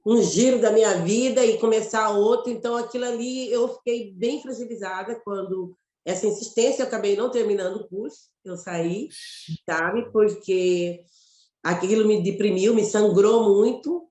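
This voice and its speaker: A Mato Grosso woman, an actress appearing as a guest, tells her story in an interview with a Mato Grosso Brazilian Portuguese accent. Her mid-range voice is warm, and she speaks reflectively and haltingly, often restarting phrases. The sound is roomy.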